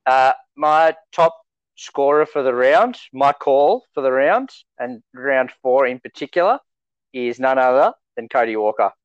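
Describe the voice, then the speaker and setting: A man's voice: mid-range voice, animated, measured pace, clear, resonant tone, no echo. An Australian man co-hosting a sports podcast in casual, matey conversation, recorded on slightly dull lo-fi audio. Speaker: fantasy rugby league podcast co-host.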